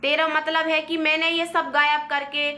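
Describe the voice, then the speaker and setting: A woman's voice: high-pitched, flat delivery, moderate pace, roomy sound. A woman playing a furious accusing young wife. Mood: angry. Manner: shouting, accusing. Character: quarrelsome angry young wife.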